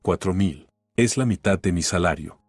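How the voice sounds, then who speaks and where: Man voicing a quiet, measured young wife. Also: low-pitched, slightly rough, dry recording, clean studio sound, soft background music. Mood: strained calm. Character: young wife holding back tears. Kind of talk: audiobook story reading.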